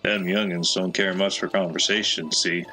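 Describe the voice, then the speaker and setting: A man's voice: low voice, fairly even intonation, moderate pace, bright, forceful tone, faint music behind, low-quality recording. A man voicing a chatty, folksy old male peddler with a put-on American Southwestern drawl, reading game dialogue in character.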